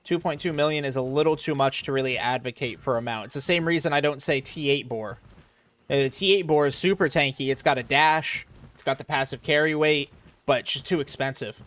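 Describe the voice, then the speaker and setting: A man's voice: medium pitch, brisk, fairly bright tone. A young American man from Florida, casually talking through a live game stream and answering chat. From Florida, USA. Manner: chatty, explains while playing, reads chat aloud.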